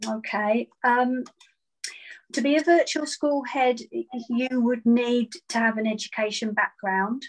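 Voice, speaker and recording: Woman, 40s, earnest, fairly high voice, repeats words when starting, video call. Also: steady tone, a little slow, rough recording. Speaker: virtual school head teacher. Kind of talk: online interview answers. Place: indoor room at home.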